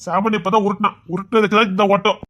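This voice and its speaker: A woman's voice: mid-range voice, little pitch movement, rapid-fire, noisy background. A woman, reading a dramatized family story and voicing every character herself, moving from teasing play to heated quarrels. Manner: switches between playful teasing and heated argument voices.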